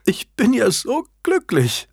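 A man voicing a teasing, emotional young townswoman in a high, soft voice for an audiobook. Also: animated, unhurried, dry recording, studio quality. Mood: tearful.

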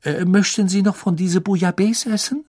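A man's voice: sits high, steady tone, normal speed, darkish tone, slightly rough, pitched above the performer's own voice. A man doing a polite young foreign woman.

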